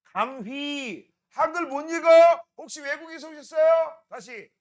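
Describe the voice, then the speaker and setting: A man's voice: very high voice, sing-song, normal speed, bright, forceful tone. A middle-aged male science teacher, lecturing a class, teasing and scolding students while drilling mnemonics.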